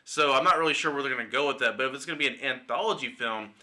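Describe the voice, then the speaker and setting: A man talks through his opinions in a loose, speculative solo commentary, now and then dropping a curse. His voice has a very bright, cutting edge at an ordinary male pitch. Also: rapid-fire. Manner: speculative, opinionated, casually swearing. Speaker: YouTube movie commentator. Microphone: desktop mic, screen-recorded video.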